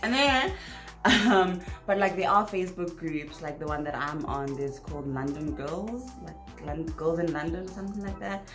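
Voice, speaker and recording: A young South African vlogger with a lowish voice chats through viewers' questions in a small bedroom, quick to laugh and full of "like". Soft background music and reverb fill the audio captured by her laptop camera at desk distance.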